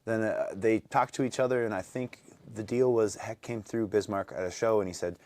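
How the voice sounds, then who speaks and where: Low-voiced young man telling stories. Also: fairly even intonation, brisk, darkish tone, slight background noise. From North Dakota, USA. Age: 20s. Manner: rambling storyteller, many fillers and restarts. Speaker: guest musician. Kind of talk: casual interview chat.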